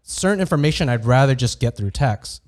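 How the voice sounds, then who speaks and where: A man's voice: medium pitch, expressive, fairly quick. A man hosting a podcast, chatting casually and often cutting himself off mid-thought. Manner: chatty, self-interrupting. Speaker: podcast host. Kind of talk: casual conversation.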